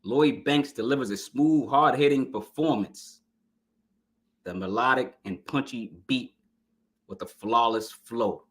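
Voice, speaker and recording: A man of medium pitch keeps a measured pace while casually hosting an album review podcast, full of hype and slang and aimed right at his viewers. He's using a live stream podcast mic, and his voice is scratchy this morning.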